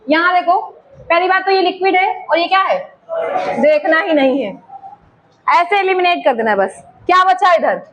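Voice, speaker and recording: A woman's voice: extremely high pitch, expressive, moderate pace, a bit bright, a little hiss or hum, rough recording. A woman teacher with an eastern Uttar Pradesh Hindi accent, teaching a chemistry class and coaxing students with teasing questions.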